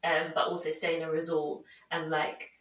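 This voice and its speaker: A young British woman with a slightly low voice tells casual, self-mocking stories in a podcast chat. She sprinkles her sentences with "like". The room echoes and she sits a little away from the microphone. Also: completely flat delivery, normal speed, a bit bright. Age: young adult. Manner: chatty, self-mocking, heavy use of "like". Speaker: podcast co-host. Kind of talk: casual chat, animated anecdotes. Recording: roomy echo, distant from mic.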